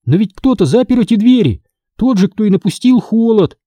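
A man's voice: sits high, lively intonation, a little fast, mellow, no room sound, studio quality, voice pushed up. A man voicing a frightened young boy who speaks urgently in a trembling voice, in a storybook reading. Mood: scared.

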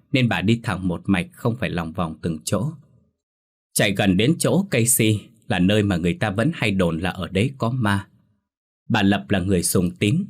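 Male horror storyteller, low and husky, measured scripted reading.

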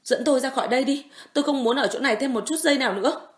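A woman voicing a frightened, tearful young woman who pleads in a high, stammering voice and turns sharp-tongued. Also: rapid-fire, lightly acted.

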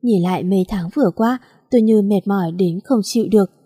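A woman narrating a novel in the first person as an audiobook, in steady, even storytelling. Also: medium pitch, quick pace, husky.

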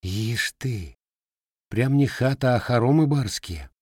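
A man's voice: on the low side, expressive, unhurried, a little mellow, husky, no room sound, studio quality, voice pushed up. A man voicing a sly, teasing young Cossack widow in a storybook reading, raising his voice for her. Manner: slightly raised, teasing folk speech.

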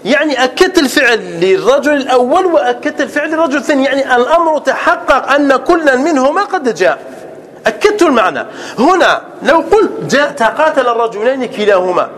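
A man's voice: extremely high pitch, very animated, a little fast, fairly bright tone, a little hiss or hum. A male scholar teaching a classroom grammar lesson, repeating example sentences and quizzing his listeners as he explains.

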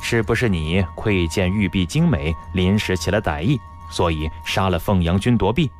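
A man's voice: sits low, normal speed, soft background music, voice pushed down, natural voice. A man voicing a stern, powerful lord who speaks in a cold, commanding, sneering way.

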